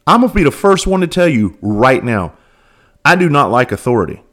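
A man's voice: medium pitch, very animated, brisk, fairly bright tone. A man who used to be a police officer, hosting a podcast and talking bluntly in a casual monologue, full of swearing and rhetorical questions. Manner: repeats words when starting sentences.

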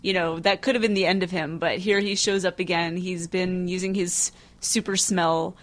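A woman co-hosting a cartoon podcast, chatty and quick to laugh. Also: lowish voice, steady tone. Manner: chatty and laughing, with many likes. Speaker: podcast co-host. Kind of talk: casual chat.

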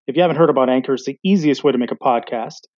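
Casual male podcast host, medium pitch. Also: rapid-fire, a little mellow, lo-fi sound.

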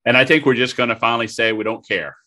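A man's voice: medium pitch, fast, pushed and bright. A man co-hosting a podcast, explaining a novel in a conversational way. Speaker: podcast co-host. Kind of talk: casual literary discussion.

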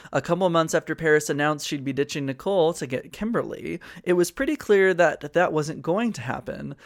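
A man with a slightly higher-than-average voice hosts a gossip podcast. He reads his script in a chatty way and keeps breaking off into joking asides. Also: a little fast, gravelly, few pauses. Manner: chatty, reads notes then riffs with laughs and swearing. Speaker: podcast co-host. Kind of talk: casual pop-culture chat, reading a script.

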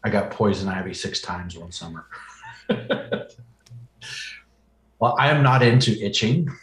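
A man with a Southern US accent, co-hosting a podcast in casual chat, speaking slowly and enunciating carefully. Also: on the low side, animated, a bit bright, roomy sound. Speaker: podcast co-host.

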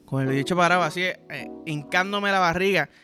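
A man's voice: sits high, moderate pace, sharp tone, faint music behind. A young Puerto Rican man hosting a podcast, rambling through vulgar comic stories with sound effects and frequent swearing. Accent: Puerto Rican Spanish. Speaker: podcast host. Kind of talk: crude comedic monologue.

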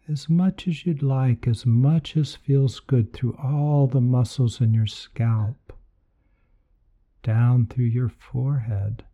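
A man leading a guided meditation in a soothing, gentle, unhurried manner that softens at times toward breathiness. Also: mid-range voice. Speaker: meditation podcast host.

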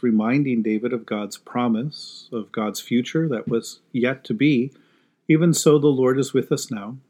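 A male pastor delivers sermon and liturgical prayer in a solemn, measured way. He recites in short, deliberate phrases, setting each one apart. His voice sits at an ordinary middle pitch for a man. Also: darkish tone. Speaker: pastor leading worship.

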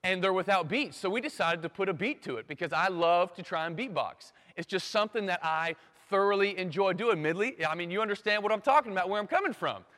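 Animated high-voiced preacher in a hall. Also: male voice, fast talker, few pauses. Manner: dramatic swings from loud bursts to hushed near-whispers; makes playful sound effects. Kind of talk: sermon to a live audience. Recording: long hall reverb.

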